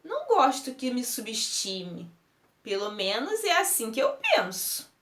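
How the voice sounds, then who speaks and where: A woman reading a first-person text aloud, slow and emotive, lingering on words. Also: a little high, wildly swooping pitch, fairly bright tone. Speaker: reader. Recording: roomy echo.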